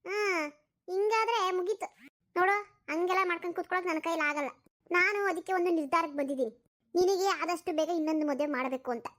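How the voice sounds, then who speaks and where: In a piece of cartoon voice acting, a woman plays a sharp-tongued old mother, a bossy mother-in-law who scolds and mocks. Her voice is extremely high and fairly bright, and she talks fast.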